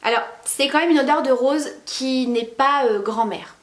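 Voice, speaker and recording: A woman talks through beauty products in a casual, chatty way, filling pauses and restarting phrases as she goes. Her voice sits a little high and carries the echo of a bare room. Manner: chatty, many fillers and restarts. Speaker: beauty vlogger.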